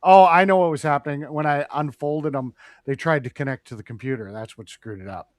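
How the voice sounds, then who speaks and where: A man's voice: a little high, fairly quick, no echo, clean studio sound. A man in casual chat whose audio cuts out, so his volume jumps up and down as he rambles through explanations. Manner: rambling, self-correcting explanations. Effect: audio cutting out, uneven volume. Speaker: streamer talking tech gear.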